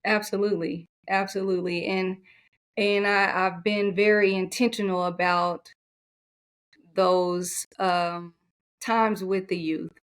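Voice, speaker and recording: A soft-spoken woman coach talking in an interview, with many fillers and restarts. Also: on the low side, little pitch movement, takes it slowly, long pauses, clear, resonant tone. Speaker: coach, podcast guest. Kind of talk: conversational interview.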